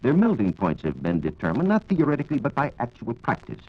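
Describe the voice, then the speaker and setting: With wildly swooping pitch and fast delivery, this American man, mid-range and breathy-edged, plays a 1940s radio science reporter. He gives precise, formal, scripted explanations in reply to listener questions, and the audio has a dull, lo-fi 1940s radio quality.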